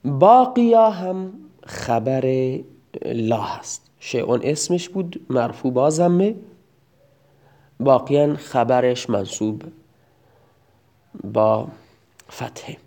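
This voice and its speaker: A man's voice: medium pitch, animated, pauses often, dark tone. Man giving a methodical grammar lesson. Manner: methodical, explains word by word. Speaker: teacher of Arabic grammar.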